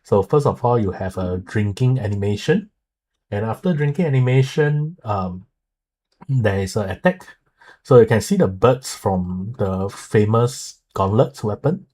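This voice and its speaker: Husky, low-voiced man explaining as he goes. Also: expressive, warm tone. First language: not Mandarin; speaks it haltingly. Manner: halting, explanatory, with frequent okay and so. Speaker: streamer and video creator explaining a game. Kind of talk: casual live commentary translating an article.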